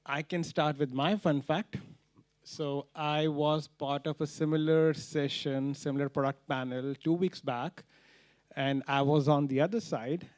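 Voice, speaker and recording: A man moderating a conference panel, brisk and friendly. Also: on the high side, fairly even intonation, darkish tone, no echo. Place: conference stage.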